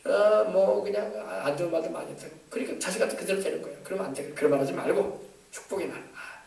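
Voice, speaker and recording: A man pastor preaching a sermon, emphatic and exhorting, moving between loud commands and quieter asides. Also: high voice, racing, creaky. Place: church sanctuary. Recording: echoey church hall from far off.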